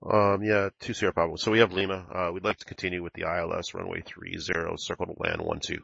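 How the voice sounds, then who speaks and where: A man's voice: low voice, little pitch movement, quick pace, vocal fry, a bit bright, husky, dry recording. A man making clipped pilot radio calls over a cockpit-style headset in a flight simulation. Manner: clipped aviation phraseology. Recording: dull, band-limited radio audio.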